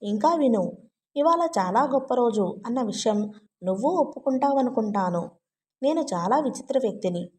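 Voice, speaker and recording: A woman's voice: fairly high pitch, animated, normal speed, a little mellow, slight background noise, close to an everyday voice. A woman voicing a moody young man in love who swings between gloom and pride, speaking as an earnest confession in a storybook reading. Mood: brooding.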